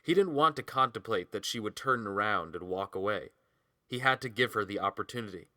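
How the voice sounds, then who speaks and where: A man narrating a romance audiobook in a measured, expressive way, close to the mic. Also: on the low side, dry recording.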